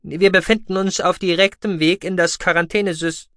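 A man's voice: sits high, steady tone, normal speed, fairly bright tone, no room sound, clean studio sound, voice pushed up. A man voicing a nervous but determined male alien doctor in a science-fiction audiobook, talking earnestly. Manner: nervous, then theatrically earnest.

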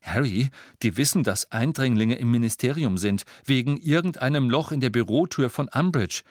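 A man voicing a worried teenage boy wizard who gives quick warnings. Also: mid-range voice, expressive, darkish tone, no echo, studio quality, voice pushed up, close to an everyday voice.

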